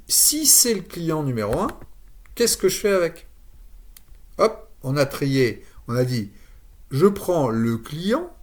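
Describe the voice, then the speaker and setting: A man giving a screen-share software tutorial, thinking aloud with frequent fillers and restarts. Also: a little high. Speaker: automation tutorial presenter.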